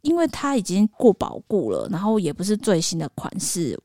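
A woman's voice: mid-range voice, huge pitch swings, brisk, dark tone, no room sound, studio quality. A woman co-hosting a podcast, telling a story and acting out both sides of the conversation. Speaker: podcast co-host. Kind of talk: casual storytelling chat.

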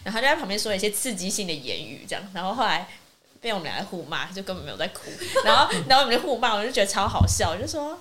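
A woman co-hosting a casual podcast chat, telling a lively story and acting out what her friends said. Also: medium pitch, rapid-fire. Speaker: podcast co-host. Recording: faint hiss.

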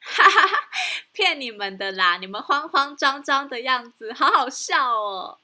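A woman voicing a mischievous young shepherd boy in a storybook, loud and teasing. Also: sits high, animated, unhurried, heavily acted. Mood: mocking laughter. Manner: shouting, laughing teasingly.

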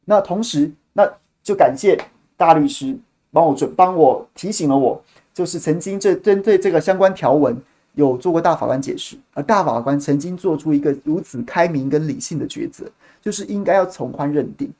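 Podcast host, man, a bit higher pitched, quick casual monologue with repeated words. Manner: animated, repeats words while telling a story.

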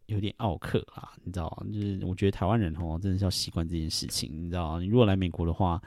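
A man's voice: low-pitched, steady tone, rapid-fire, a little mellow, dry recording. A middle-aged man hosting a casual solo podcast, rambling and chuckling, with many fillers. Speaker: podcast host.

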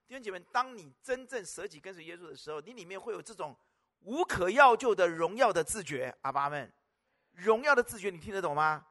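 High, bright-voiced preaching man. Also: expressive, fairly quick. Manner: emphatic, with rhetorical questions to the congregation; repeats phrases for emphasis. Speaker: pastor. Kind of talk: sermon.

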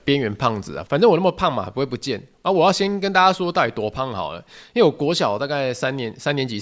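A man hosting a solo podcast, telling stories in an animated, joking, mock-outraged way. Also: medium pitch. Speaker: podcast host.

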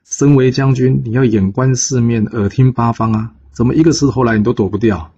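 A man's voice: sits low, quick pace, slightly rough. A man voicing a proud young male general who lectures and takes offense easily. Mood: lecturing. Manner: lecturing, indignant. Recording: dull lo-fi recording.

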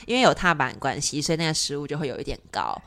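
A woman with a Taiwanese Mandarin accent and a low voice chats casually. She talks very quickly, telling stories with emphatic repeats and spoken sound effects. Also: expressive, fairly bright tone. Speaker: volunteer cat trapper on a podcast. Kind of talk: casual anecdotal chat.

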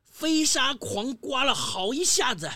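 A woman narrating a children's story in a lively voice, full of exclamations. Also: high-pitched, a little slow.

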